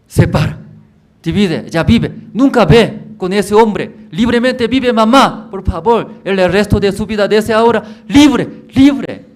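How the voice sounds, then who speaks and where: A man's voice: animated, measured pace. A man voicing a young missionary son who pleads desperately with his mother. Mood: pleading. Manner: pleading, high and loud.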